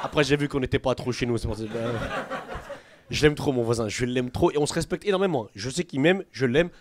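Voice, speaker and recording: A man doing stand-up at a comedy club, telling stories with a punchy, animated delivery. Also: mid-range voice, a little fast, a crowd in the background. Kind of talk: stand-up storytelling.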